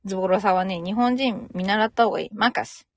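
A woman's voice: medium pitch, quick pace, dry recording. A young woman, chatting casually on her own podcast, laughing and imitating local greetings. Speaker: podcast host. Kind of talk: casual solo chat.

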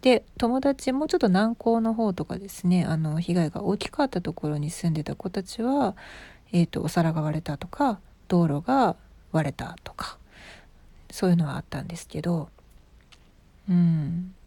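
A woman's voice: fairly low pitch, animated, moderate pace, warm tone, no echo. A woman in her thirties with an Osaka accent, hosting a casual live stream, chatting about listeners' comments and laughing often. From Osaka, Japan. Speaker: livestream host.

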